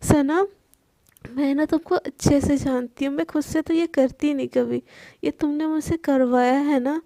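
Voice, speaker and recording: An angry, proud young woman, voiced by a woman telling the story, who speaks sharply and accusingly. The voice is high with a slight gravelly rasp. The sound is close and dry. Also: steady tone, a little slow, warm tone, no room sound.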